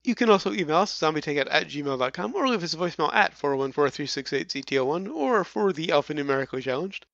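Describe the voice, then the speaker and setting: A man's voice: on the high side, expressive, fast, gravelly, few pauses, a bit bright, no room sound, muffled recording. A man co-hosting a casual movie review podcast, chatty and prone to stumbling over his words. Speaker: podcast co-host.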